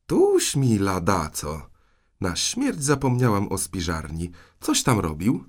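A man voicing a scolding but soft-hearted elderly aunt in an audiobook, exclaiming and fretting. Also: sits low, very animated, takes it slowly, heavily acted.

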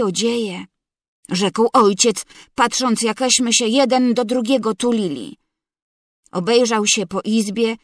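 A woman reading a story aloud as narrator, in an unhurried, measured storytelling manner. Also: fairly high pitch, no room sound, studio quality. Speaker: audiobook reader. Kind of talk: literary narration.

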